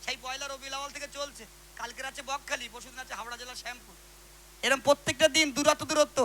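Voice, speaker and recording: A man preaches a story to a live crowd in a very high, bright, piercing voice. He talks fast and animated and keeps calling on listeners to respond. A faint hum sits under him. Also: rough recording. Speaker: ghazal singer and preacher. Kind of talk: storytelling religious talk to a live audience.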